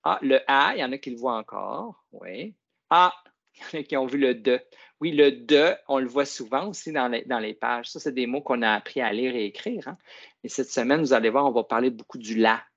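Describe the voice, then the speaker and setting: A middle-aged man leads a phonics demonstration in a coaxing teacher's voice. His tone is gravelly and he stretches out the words he wants pupils to repeat. The recording sounds dull and lo-fi. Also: medium pitch, a little fast, a bit bright. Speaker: teacher trainer. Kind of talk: classroom reading demonstration.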